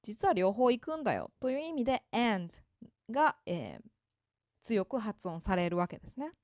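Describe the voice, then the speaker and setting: A woman giving a polite, explanatory spoken lesson on English, slowing down to read out example sentences. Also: fairly high pitch, very animated, a little mellow, dry recording, clean studio sound. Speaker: English teacher.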